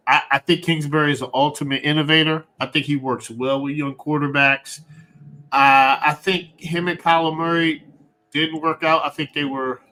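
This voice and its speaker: A man hosting a live sports fan show, talking eagerly with frequent restarts. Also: a little high. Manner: excited, talks fast with many restarts.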